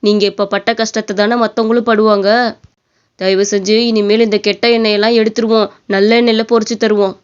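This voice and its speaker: A woman voicing a humble, soft-hearted male shop worker who pleads with his boss, in a cartoon story. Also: mid-range voice, little pitch movement, fairly quick, smooth, close to an everyday voice. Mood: earnest. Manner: pleading, deferential. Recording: dull lo-fi cartoon audio.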